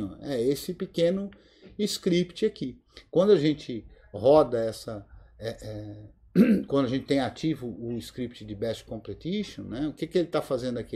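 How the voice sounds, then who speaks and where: Brazilian instructor, mellow husky voice, call mic, rambling demo delivery. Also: male voice, medium pitch. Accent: Brazilian Portuguese. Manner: thinking aloud, many fillers. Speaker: Linux course instructor. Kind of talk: live screen-share tutorial. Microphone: video call mic.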